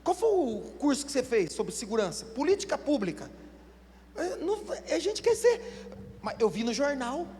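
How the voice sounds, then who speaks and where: High-voiced man preaching in a church. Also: moderate pace, big-room sound, slight background noise. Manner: animated preaching, acting out conversations in the telling. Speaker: pastor. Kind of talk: sermon.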